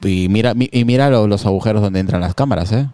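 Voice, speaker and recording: A man's voice: fairly low pitch, fast, dark tone, dry recording, studio quality. A man hosting a casual tech chat from his hot living room at home, teasing his co-hosts. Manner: teasing, joking banter. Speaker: podcast host. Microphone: computer with a phone camera on a video call.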